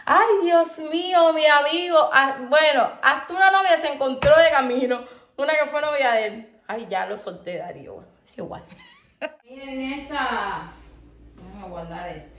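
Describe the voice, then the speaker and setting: High-voiced Cuban woman vlogging at home. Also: normal speed. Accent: Cuban Spanish. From Cuba. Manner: chatty, expressive, calls viewers "mi amor". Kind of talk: casual chat to camera. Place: at home, indoors. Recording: echoey room.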